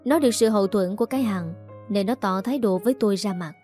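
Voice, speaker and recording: Woman narrating a story over soft music. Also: medium pitch, quick pace. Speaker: audiobook narrator. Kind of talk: first-person story narration.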